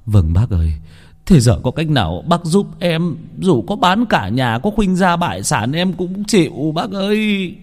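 Worried old father in a ghost story, soft and pleading, voice rising and falling , as a man acts him out. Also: on the high side, sing-song, a little slow, voice pushed up, heavily acted. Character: anxious elderly father pleading for his son.

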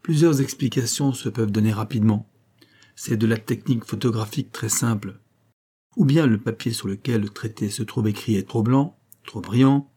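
A man voicing a calm, methodical male police detective in an audiobook, with a measured, explanatory delivery. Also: fairly low pitch, slightly rough. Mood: explaining. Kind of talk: audiobook character reading.

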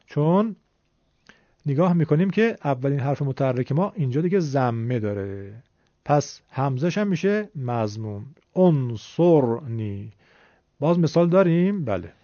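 A man's voice: on the high side, expressive, warm tone, no echo. A man teaching Quran recitation rules, explaining patiently step by step and asking his students questions. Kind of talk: classroom-style lesson explanation. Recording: dull, lo-fi dry recording.

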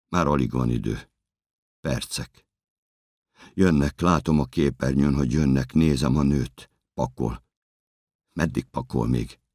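An actor performing an audiobook monologue as a desperate, obsessive man in a security booth, speaking in terse fragments that break into shouting. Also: extremely low pitch, creaky, breathy edge, no echo, studio quality, exaggerated voice. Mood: tense.

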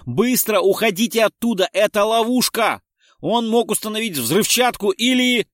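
A man voicing a foreign detective who shouts urgent warnings over a police radio, in an audiobook reading. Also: sits high, moderate pace, no room sound, clean studio sound, pitched above the performer's own voice. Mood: alarmed shouting.

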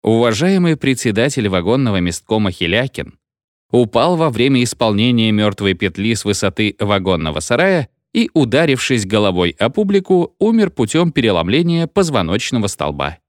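A man reading a satirical short story aloud in an expressive, theatrical storytelling manner. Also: on the low side, normal speed, dry recording, clean studio sound. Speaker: reader.

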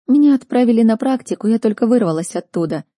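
A woman's voice: a little high, animated, fast, no echo, clean studio sound, voice pushed up. A woman playing a fiery protective young sister. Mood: gentle. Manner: sharp, commanding.

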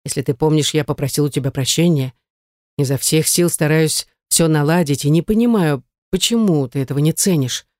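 Brief: cold commanding husband, firm clipped orders, dry close read, voiced by a reader. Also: male voice, a little high, fairly quick, a little mellow, dry recording, natural voice. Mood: coaxing.

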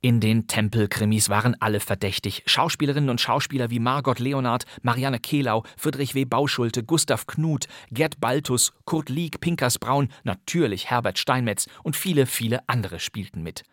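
A man's voice: mid-range voice, normal speed, few pauses, dry recording. A man hosting a programme with scripted narration, in a studio. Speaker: host and narrator. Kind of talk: scripted narration about old radio dramas. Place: dry studio with music behind.

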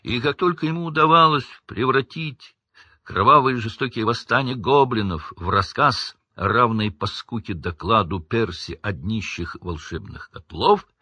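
A man narrating an audiobook in an expressive, lively storytelling manner. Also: medium pitch, unhurried, slightly rough, no room sound. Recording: dull lo-fi audiobook recording.

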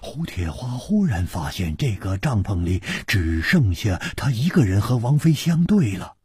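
Husky, dramatic male storyteller. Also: lowish voice, sing-song, darkish tone, no room sound, clean studio sound. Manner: dramatic, drawn-out phrasing. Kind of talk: traditional broadcast storytelling.

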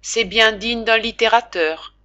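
Stern dry army captain, firm matter-of-fact tone, storybook figure, read by a woman with a lowish voice, pitch-. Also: unhurried, sharp tone, highs cut off.

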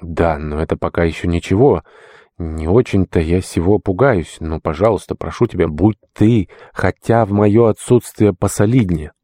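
A man voicing a stern older archpriest who admonishes in firm, measured speech. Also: low-pitched, warm tone, no room sound. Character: stern elderly male archpriest, grave and admonishing. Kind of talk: audiobook character voice.

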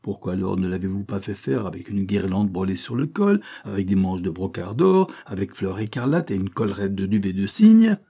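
A man reading an audiobook, voicing an irascible, sarcastic older spinster who scolds in loud outbursts. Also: low voice, lively intonation, moderate pace, hardly any pauses, breathy edge, heavily acted. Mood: scolding. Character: irascible sharp-tongued older spinster woman.

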